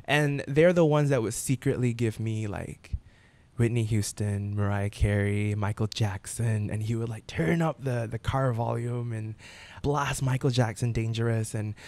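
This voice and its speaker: Young man with a gravelly voice. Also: medium pitch, unhurried, darkish tone. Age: 20s. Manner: candid, repeats words and restarts when moved. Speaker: guest. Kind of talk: emotional personal storytelling.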